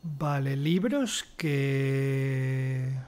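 A man's voice: mid-range voice, very slow, darkish tone, clear, resonant tone. A man with a Castilian Spanish accent reading game text aloud and commenting casually, with wry asides. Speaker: gamer playing and commenting.

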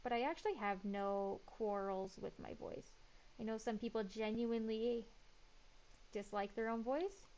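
A woman with a slightly high voice talks her way through a building game in loose, casual commentary. She thinks aloud, mutters and second-guesses herself as she goes. The recording is a little muffled and lo-fi. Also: fairly even intonation, a little slow, darkish tone, a little hiss or hum. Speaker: gaming YouTuber.

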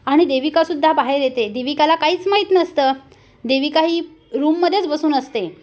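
High-voiced woman telling a dramatic recap. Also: normal speed. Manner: steady, dramatic storytelling. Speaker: narrator of a TV serial recap. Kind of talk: storytelling recap narration.

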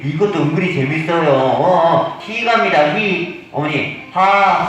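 A man leading older women through an arm-swinging game, coaxing them along and counting out loud. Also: fairly high pitch, very echoey, far from the mic, rough recording. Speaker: senior recreation instructor. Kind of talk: leading a seniors' movement game.

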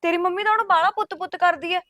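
A woman's voice: very high voice, fairly even intonation, racing, pushed and bright, dry recording, studio quality. An actress playing an exasperated sister-in-law in a Punjabi village drama, insisting a woman be thrown out of the house. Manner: insistent, complaining. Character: fed-up sister-in-law demanding eviction. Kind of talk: rural village drama acting.

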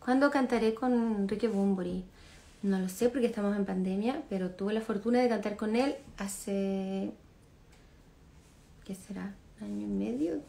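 Woman in her 30s, warm mellow voice, laid-back chat into a phone at home, lots of ums and laughs. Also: mid-range voice, normal speed, gravelly. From Chile. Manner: relaxed, chatty, laughs often, trails off with fillers. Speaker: singer answering fans on a livestream. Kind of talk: casual chat reading comments. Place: living room indoors. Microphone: phone camera at arm's length.

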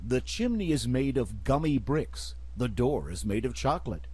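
A man's voice: medium pitch, big pitch swings, normal speed, a little mellow, breathy edge, no echo. A man narrating a computer game in a dry, wry storytelling manner. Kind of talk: scripted narration.

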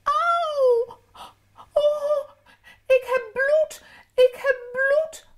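A woman with a Drents accent voicing a small, whiny gnome boy who cries out in high wails. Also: expressive, slow, slight background noise, full character voice. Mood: wailing.

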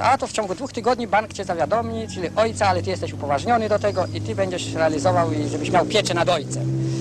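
A man's voice: sits high, slight background noise. A man in a 1970s newsreel recording gives a rambling spoken account as an interviewee, often saying "prawda" and restarting his sentences. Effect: 1970s newsreel sound recording.

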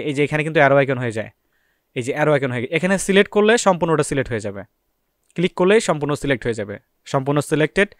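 Guy teaching a computer lesson, kinda high voice, dry close mic, keeps asking then answering himself. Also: fairly bright tone, no echo. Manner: explains step by step, asks and answers his own questions. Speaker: data entry instructor. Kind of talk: screen-recorded software tutorial.

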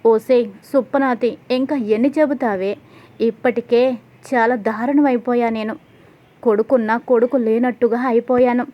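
A woman's voice: on the high side, fairly even intonation, normal speed, dull audio, natural voice. A woman voicing an angry, hurt middle-aged mother who scolds, read in a level tone. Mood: scolding.

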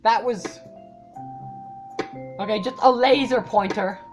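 A woman YouTuber giving casual reaction commentary, rambling and swearing often, with loud startled outbursts. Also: on the high side, takes it slowly, faint music behind. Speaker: YouTuber reacting to a fan animation.

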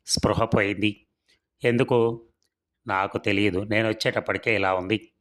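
Man reading calm caring young detective, storybook, firm instructions, low voice. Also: normal speed, lightly acted.

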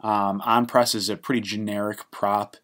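A man giving a casual screen-recorded coding lesson, halting and full of fillers as he works at his computer. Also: lowish voice, little pitch movement, fairly bright tone. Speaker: programming instructor.

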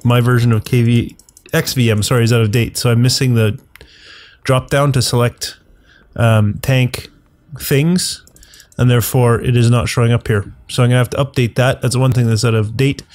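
A man's voice: medium pitch, steady tone, moderate pace, darkish tone, no room sound. A man hosting a gaming channel, congested from the flu, rambling and correcting himself as he talks through a video game. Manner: rambling, self-correcting, thinking aloud. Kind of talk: casual gameplay commentary.

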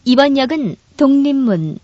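Woman, train announcement over onboard speaker, formal and polite, fairly high, melodic delivery, dull dry recording. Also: expressive, warm tone, dry recording. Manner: formal, polite, evenly measured. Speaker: subway announcer.

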